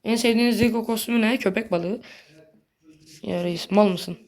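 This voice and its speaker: A woman giving casual gameplay commentary in a blunt, slangy way, quick to get annoyed. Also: medium pitch, a little mellow. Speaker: gaming video creator.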